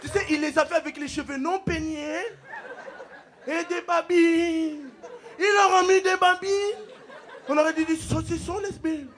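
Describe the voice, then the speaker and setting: A man from the Congo doing loud, joking stand-up comedy on a TV stage, laughing through his lines. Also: very high voice, fairly even intonation, moderate pace, a faint crowd. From Democratic Republic of the Congo. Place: TV studio stage with a live audience.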